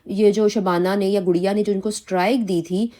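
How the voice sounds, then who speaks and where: A woman's voice: medium pitch, flat delivery, warm tone. A woman reaction vlogger with a Pakistani Urdu accent, giving heated commentary on online drama and rambling indignantly with many restarts.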